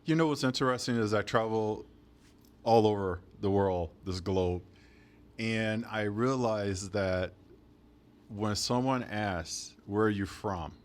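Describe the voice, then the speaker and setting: A man's voice: fairly low pitch, slow. Laid-back podcast host from chicago, just chatting with his guests at a museum. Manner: easygoing, conversational. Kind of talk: casual interview chat. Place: museum near a university campus.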